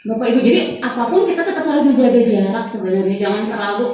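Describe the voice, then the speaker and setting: A woman's voice: a little high, fast talker, noisy background. A woman teacher presenting a training module to fellow teachers, talking casually with many fillers. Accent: Indonesian. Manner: chatty, many fillers, frequent soft laughs. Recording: very echoey room, voice far off.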